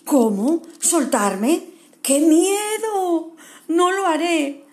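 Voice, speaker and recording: A woman's voice: big pitch swings, a little slow, darkish tone, echoey room. A woman voicing a timid young male koala who clings to safety and talks in a nervous, fretful way. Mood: panicked. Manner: nervous, fretful, higher put-on voice.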